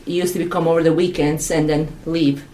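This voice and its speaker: A woman's voice: low-pitched, little pitch movement, brisk, dark tone. A middle-aged woman from Bosnia with a Bosnian accent, answering conversationally as an interview guest. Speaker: podcast guest, nursing assistant.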